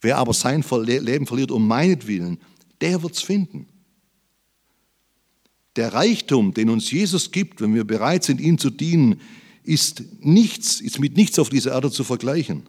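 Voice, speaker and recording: A man preaching a sermon, swinging between emphatic loud appeals and low, quiet asides. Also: animated, moderate pace.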